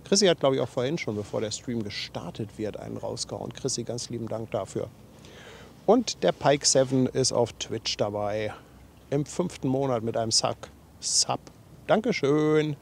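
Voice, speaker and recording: This livestream host, slightly runny-nosed from a cold, chats casually from a harbour riverbank and reads viewer messages with a self-deprecating streak. His mid-range voice is creaky, with lively intonation at a normal speed, and there's slight background noise.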